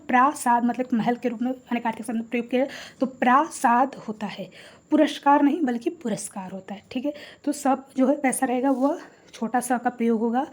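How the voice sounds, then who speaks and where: A woman's voice: high-pitched, darkish tone. A woman teaching a Hindi grammar lesson, patiently spelling out each word and asking rhetorical questions.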